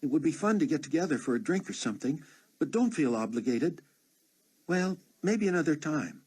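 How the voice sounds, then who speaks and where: A woman's voice: low voice, expressive, a little fast, mellow, slightly rough, pitched above the performer's own voice. A man voicing a friendly, chatty female flight attendant leaving a phone message. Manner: chatty, breezy.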